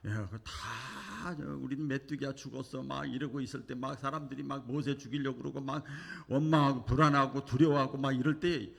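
A male pastor preaching a Sunday sermon with animated delivery, acting out quoted voices and swinging from quiet asides to loud declarations. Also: medium pitch, moderate pace, creaky, few pauses, husky. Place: church sanctuary. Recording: long church hall reverb.

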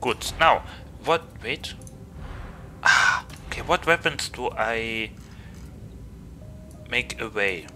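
A man's voice: mid-range voice, lively intonation, slow pace, pauses often, sharp tone, faint music behind. A man with a German accent streaming a game, chatting playfully and getting flustered easily. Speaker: VTuber streamer. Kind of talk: casual gaming stream chat.

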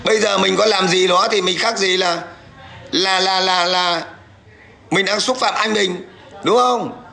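A man delivers a coarse, taunting livestream rant. His voice is gravelly and edgy, pitched a little high for a man, and pushed hard. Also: steady tone, unhurried, pushed and bright.

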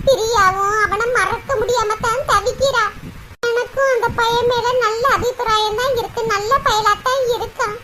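Bossy village auntie, played by a woman, shrill and very high, scolding with a laugh. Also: fairly even intonation, moderate pace, noisy background. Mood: gossipy. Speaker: cartoon voice. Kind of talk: cartoon comedy dialogue.

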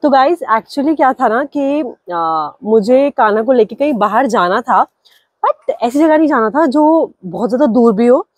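This upbeat twenty-something vlogger films herself on a handheld phone at an outdoor hillside campsite, chatting in Hindi mixed with English words. She sounds a little high, animated, and husky, speaking a little slowly with no room sound.

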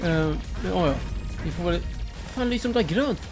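Shouty boastful gamer on a headset. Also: mid-range voice, lively intonation. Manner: shouty, boastful, trash-talking. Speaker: let's play gamer. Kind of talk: excited gameplay commentary. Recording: loud game music behind voice.

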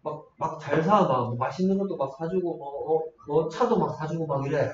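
A man's voice: fairly high pitch, moderate pace, darkish tone, a little hiss or hum. Male teacher, raised voice, spinning a funny story for his class, picked up from far off in a dull, echoey room. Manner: playful storytelling, keeps checking in with students. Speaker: English teacher. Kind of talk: classroom lecture with a joking story.

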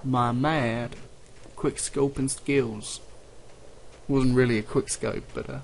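A man's voice: medium pitch, steady tone, slow, gravelly, a little hiss or hum. A man giving casual, offhand let's play commentary with sarcastic jokes. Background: video game ambience and gunfire.

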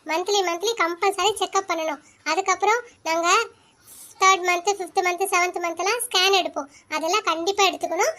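Someone voicing a squeaky cartoon woman doctor. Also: fairly even intonation, fairly quick, pushed and bright. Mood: instructive. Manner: firm, instructive, repeats rules. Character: brisk female doctor giving orders. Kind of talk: cartoon voice acting.

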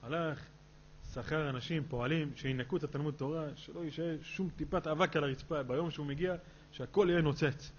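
A man, a rabbi, telling a story in a sermon and acting out his characters' dialogue in a lively way. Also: a little high. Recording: dull lo-fi recording with faint hum.

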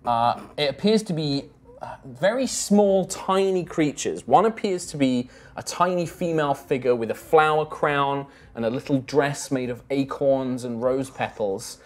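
A woman's voice: a bass voice, unhurried. A woman narrating as game master of a tabletop game, descriptive and hesitant with fillers.

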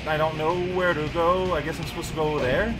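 A man's voice: a little high, fairly even intonation, fast talker, poor audio. A man giving casual let's play commentary, with wry, rambling asides. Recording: voice over game music. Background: video game music and sounds.

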